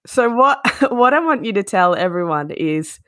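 A woman's voice: medium pitch, animated, normal speed, fairly bright tone, dry recording, clean studio sound. A woman in her twenties with an Australian accent, hosting a podcast in a casual, effusive, informal way. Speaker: podcast host. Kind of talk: casual chatty interviewing.

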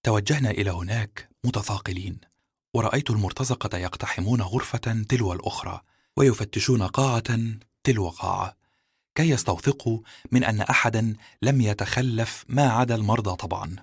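A man giving scripted first-person audiobook narration in a steady, measured way. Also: on the low side, vocal fry, slightly rough, dry recording, clean studio sound.

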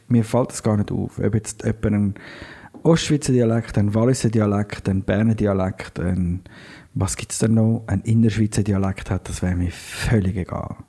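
A man's voice: on the low side, mellow, slightly rough. A man with a Swiss German accent co-hosting a podcast, chatting casually in a joking, playful way. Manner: joking, playful, mock-meditative. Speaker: podcast co-host. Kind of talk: casual chat.

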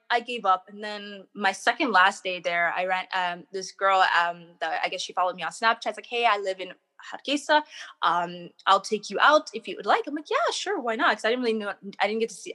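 A young woman chatting as an interview guest, telling animated stories and acting out what people said. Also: mid-range voice. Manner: animated storyteller, acts out quotes. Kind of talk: casual interview chat.

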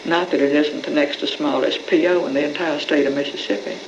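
A woman's voice: low-pitched, steady tone, fairly quick, noisy background. A woman, reading the lines of a pompous, indignant, very old rich grandfather. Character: ancient, rich, huffy grandfather with a long beard. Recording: roomy, dull archival film audio.

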